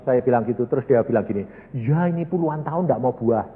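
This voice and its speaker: A man in his sixties with a Javanese accent, preaching a sermon in a folksy storytelling manner, moving from loud exhortation to hushed asides. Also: mid-range voice, animated, quick pace. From Indonesia. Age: 60s. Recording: echoey hall over a tinny, phone-like line.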